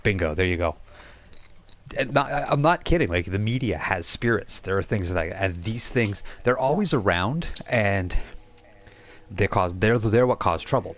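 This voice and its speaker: Running a tabletop game as its game master, a low-voiced man narrates in a loose, improvised way. He keeps stopping to rephrase and explain things, sounding halting and self-correcting.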